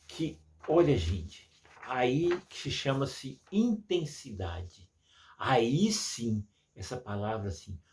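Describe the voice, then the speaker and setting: A man's voice: mid-range voice, darkish tone. A man teaching music to children, patient and full of diminutives, imitating sounds as he explains.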